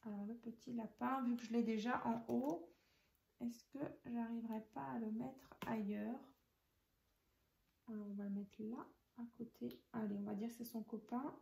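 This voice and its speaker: A woman's voice: fairly high pitch, fairly even intonation, moderate pace, creaky, warm tone. A woman hosting a casual craft tutorial, chatting and thinking aloud as she works and counts out pieces. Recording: echoey room.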